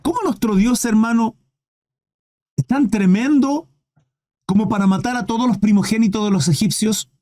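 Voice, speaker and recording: A man preaching with fervor, his voice pitched high yet mellow and dark in tone. He drives his points home with rhetorical questions and keeps turning to his listeners as brothers. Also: steady tone, quick pace, few pauses. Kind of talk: sermon.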